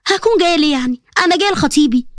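A woman voicing an affected, sweet-talking young fiancée in an animated story, with an Egyptian accent. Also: high-pitched, rapid-fire, no echo, clean studio sound.

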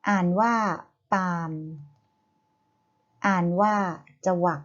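A woman teacher reads vocabulary aloud at an extremely slow, careful pace. She spells out every word one syllable at a time and repeats the same cue before each one. The recording sounds dull and lo-fi. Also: mid-range voice, steady tone. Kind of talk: slow vocabulary reading drill.

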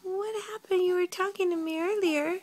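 A woman's voice: very high-pitched, fairly even intonation, moderate pace, a little mellow. A young woman talking to her baby at home in a sing-song baby-talk voice, filmed on a handheld phone. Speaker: parent filming her baby. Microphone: handheld phone camera.

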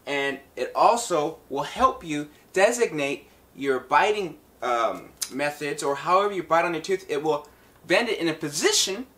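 Hosting a casual hands-on tutorial, a talk box musician addresses viewers in an informal, folksy manner as he demonstrates. His voice is on the high side, animated and a bit bright, at normal speed.

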